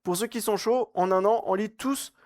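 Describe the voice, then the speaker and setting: A man's voice: sits high, normal speed, a little mellow, no echo, clean studio sound. A young man giving a casual, joking sermon at a youth camp. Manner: joking, chatty, laughs often. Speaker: camp speaker.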